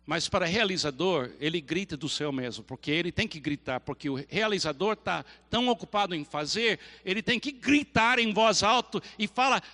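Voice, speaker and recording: High, bright-voiced animated preacher. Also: male voice, moderate pace, hardly any pauses, big-room sound. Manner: animated storytelling, acting out scenes. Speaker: pastor. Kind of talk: lively sermon.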